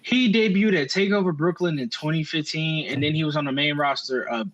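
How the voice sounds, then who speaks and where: A man's voice: a little high, fairly quick, a bit bright, muffled recording. A man co-hosting a podcast, talking wrestling in a casual, slangy way and swearing freely. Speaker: podcast co-host.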